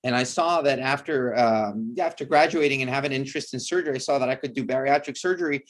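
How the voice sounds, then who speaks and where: A man's voice: medium pitch, quick pace. A man from El Salvador whose first language is Spanish, a surgeon answering interview questions earnestly and enthusiastically, with frequent restarts. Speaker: bariatric surgeon guest.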